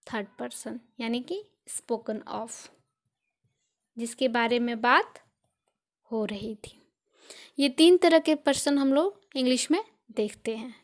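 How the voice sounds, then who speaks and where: High-voiced Indian woman teaching grammar. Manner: patient, repeats points with many examples. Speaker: English teacher. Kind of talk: explaining grammar in a video lesson.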